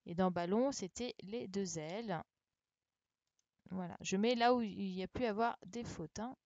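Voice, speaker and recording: Woman, primary teacher on a live stream, slow, deliberate delivery, spells out letters, dry close sound. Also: medium pitch, darkish tone, no echo, lo-fi sound. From France. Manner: patient, spells words out letter by letter with frequent "hein" and "d'accord". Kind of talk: live-streamed dictation correction lesson. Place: home setup for an online class. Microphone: computer microphone for a live stream.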